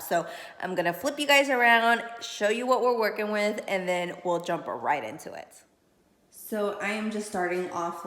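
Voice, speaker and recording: A big, hall-like echo surrounds this woman's voice as she vlogs from inside a bare, emptied house. She talks casually and informally to her viewers at a middling pitch, rambling a little as she goes. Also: a bit bright. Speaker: vlogger, channel host. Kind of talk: casual home vlog chat to camera.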